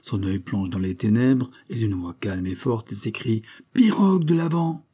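A man narrating a classic sea adventure as a measured audiobook reading. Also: fairly low pitch, mellow, slightly rough.

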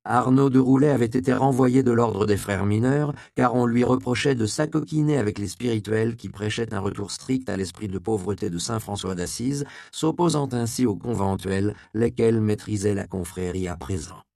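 A man reading a historical novel aloud as an audiobook narrator, with measured storytelling. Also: fairly low pitch, gravelly, dark tone, dry recording, clean studio sound. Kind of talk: scripted narration.

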